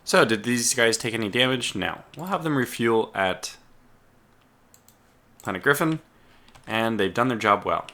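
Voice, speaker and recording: Keyboard typing runs behind a man muttering to himself through a casual let's play of a strategy game, and his voice is going, so he keeps clearing his throat. He has a medium pitch and lively intonation, speaking at a measured pace with frequent pauses in a pushed, bright tone.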